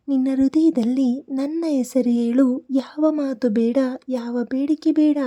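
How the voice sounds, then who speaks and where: Woman reading a calm bedtime devotional msg, high voice, super slow and gentle. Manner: gentle, soothing, addresses the listener tenderly as a child. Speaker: devotional message narrator. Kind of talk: soft devotional night-time message.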